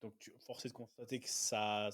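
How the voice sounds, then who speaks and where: A man co-hosting a casual podcast discussion, relaxed, often trailing off and repeating phrases. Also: fairly low pitch, moderate pace. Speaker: podcast co-host.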